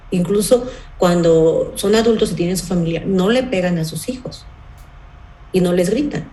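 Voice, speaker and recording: A woman's voice: mid-range voice, a little mellow, reverberant, rough recording. A woman leading a parenting workshop, explaining patiently and often checking in with her listeners. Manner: explanatory, asks the audience rhetorical checks like "¿sí?" and "¿bien?".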